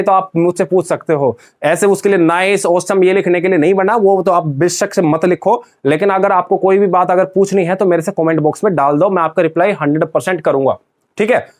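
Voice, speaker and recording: A man whose voice is notably high runs an English grammar lesson for students. As he goes, he drills them, posing a question and answering it over and over.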